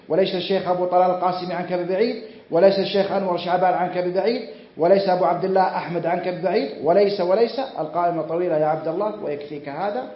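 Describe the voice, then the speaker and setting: A man giving a religious lecture, fervent and emphatic, swearing oaths and firing rhetorical questions. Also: high-pitched. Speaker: Islamic scholar giving a lecture. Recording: echoey, muffled lecture recording.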